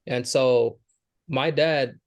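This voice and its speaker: The recording has its highs cut off, and this young man's mid-range voice moves very slowly. An Air Force airman from Kenya with a Somali family, he's a guest answering interview questions earnestly and conversationally, with lots of fillers and restarts.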